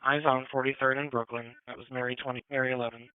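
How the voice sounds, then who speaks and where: Over narrow-band police scanner radio, a male dispatcher reads reports back in terse, clipped procedural language. His medium-pitched voice barely moves in pitch, he talks fast, and the sound is clean with no room echo.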